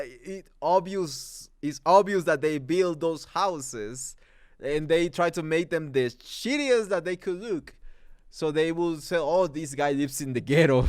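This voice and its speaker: A man's voice: on the high side, no echo. Mexican-accented man, exasperated movie rant, resonant voice, dry sound. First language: Spanish. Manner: exasperated, animated, laughing. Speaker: comedy commentary host.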